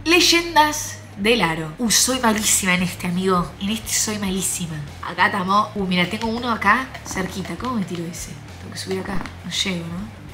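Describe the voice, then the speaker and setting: A young woman with an Argentine accent, commenting on her own gameplay, muttering softly while she plays and breaking into high shrieks. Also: moderate pace. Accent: Argentine Spanish. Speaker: gaming YouTuber.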